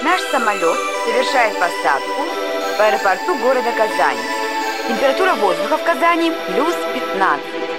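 A woman flight attendant giving a polite, formal passenger announcement over a plane cabin loudspeaker. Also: on the high side, sing-song, normal speed. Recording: distant voice under loud music.

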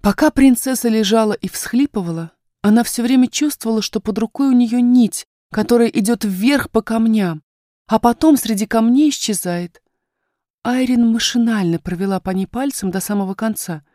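A woman narrating a children's storybook chapter with steady, expressive storytelling. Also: on the high side, no echo, clean studio sound. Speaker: audiobook narrator. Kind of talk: scripted narration.

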